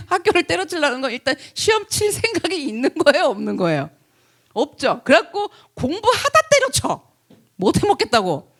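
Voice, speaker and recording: A woman pastor preaches with high energy, her voice pitched high and swinging widely. She throws questions to the congregation and acts out little quoted lines. She laughs easily as she explains. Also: fairly bright tone. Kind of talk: lively sermon.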